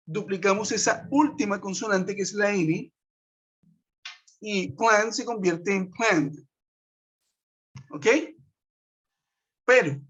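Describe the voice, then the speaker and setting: This high, fairly bright male voice belongs to a teacher leading an English grammar class online, working patiently through every rule and pausing to check on his students. It's captured on a web conference computer mic with dull, lo-fi sound.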